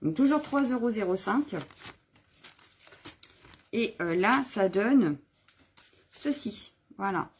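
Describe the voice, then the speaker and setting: A woman's voice: medium pitch, lively intonation, takes it slowly, long pauses, slight background noise. A woman chatting casually on a live craft video, showing her stamps and stencils, rambling with fillers and self-corrections. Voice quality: husky, gravelly.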